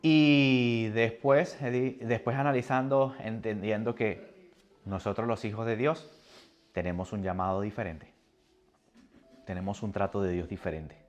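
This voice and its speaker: A man preaching a sermon with a personal testimony, animated and moving between soft and loud. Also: on the low side, measured pace, a little hiss or hum.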